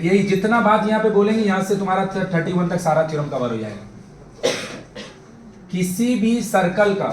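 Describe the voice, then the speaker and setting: High-voiced man teaching in an echoey classroom. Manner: chatty, keeps checking with the class. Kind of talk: classroom math lecture. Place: classroom with students. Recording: echoey classroom, faint background noise.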